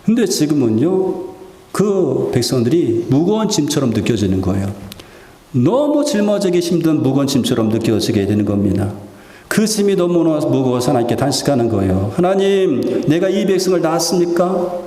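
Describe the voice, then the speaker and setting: A man's voice: mid-range voice, moderate pace. A male pastor preaching a Sunday sermon, acting out the people's pleas and complaints in small bursts. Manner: acts out quoted pleas and complaints in lively bursts. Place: church sanctuary. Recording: echoey church hall.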